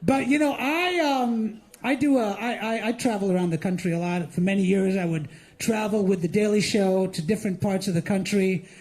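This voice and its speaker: A man with a very high voice performs animated stand-up before a live audience. He is middle-aged and grew up in India. His manner is mocking and playful. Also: moderate pace, few pauses. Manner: animated, mocking, with lively acted-out asides. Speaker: stand-up comedian and host. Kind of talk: stand-up comedy set.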